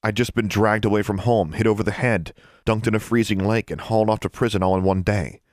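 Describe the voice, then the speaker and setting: A man's voice: on the low side, fairly even intonation, brisk, darkish tone, no room sound, pitched above the performer's own voice, lightly acted. A male narrator voicing a defiant, clever young girl prisoner, firm and stubborn, in close to his own voice.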